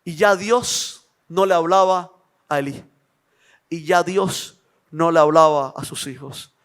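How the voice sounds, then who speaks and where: A man preaching a sermon, telling a Bible story dramatically and building to loud, fervent exhortation. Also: fairly high pitch, takes it slowly. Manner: dramatic storytelling, acting out the characters' lines.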